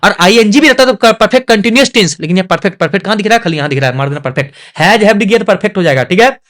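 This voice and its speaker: A young man teaching an exam revision lesson, asking his students quick questions and coaxing and scolding them. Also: high-pitched, animated, a bit bright. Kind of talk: casual online exam lesson.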